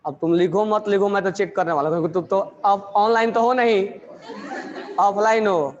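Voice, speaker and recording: A man's voice: sits high, moderate pace, highs cut off, a faint crowd. A man teaching chemistry to a class, drilling students with repeated questions and mixing terms into his lecture.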